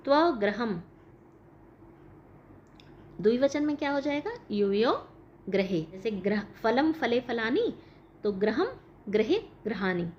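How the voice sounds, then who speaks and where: A woman's voice: fairly high pitch, lively intonation, slow, pauses often. A woman teacher explaining a school lesson, asking questions and answering them herself. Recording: dull lo-fi recording with faint noise.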